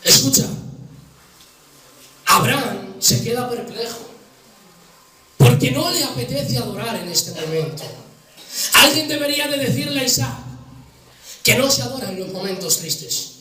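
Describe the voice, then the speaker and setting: Man, preacher, dramatic storytelling sermon, very high voice, roomy echo. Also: expressive, unhurried, pauses often. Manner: impassioned, swings between hushed and loud. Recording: echoey room from far off with music.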